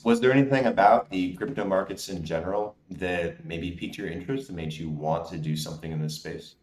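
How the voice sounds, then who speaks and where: A man's voice: deep voice, a little fast, a little mellow. A man hosting a podcast, asking friendly, loose questions in a casual way. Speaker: podcast host. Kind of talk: casual interview talk. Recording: echoey room.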